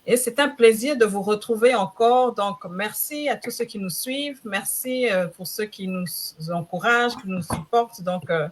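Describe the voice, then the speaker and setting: Brief: woman from Congo, mid-pitched, friendly self-introduction full of fillers. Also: normal speed, few pauses. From Democratic Republic of the Congo. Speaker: panel guest, digital entrepreneur. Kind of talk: self-introduction on a live stream.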